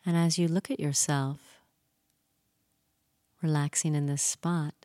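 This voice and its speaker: A woman with a low, mellow voice guides a relaxation session at an unhurried pace. She speaks soothingly, repeats herself gently and sometimes drops into a soft whisper. The recording is dry and close. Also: little pitch movement, dry recording. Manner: slow, soothing, gently repetitive. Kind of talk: guided hypnosis meditation.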